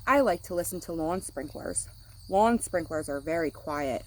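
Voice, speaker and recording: A lower-voiced teacher reads a picture book aloud to children, animated and at a moderate pace. She keeps things simple for her young listeners and acts out the sound words. The audio is poor, with a little hiss or hum.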